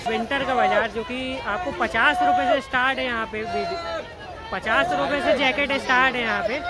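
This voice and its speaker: A young man walks through an outdoor market, filming himself on a phone held at arm's length. He talks to his viewers in an upbeat, direct way, and his voice sits fairly high. A loud crowd fills the background. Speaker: vlogger. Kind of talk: walking market vlog. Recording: loud street crowd behind.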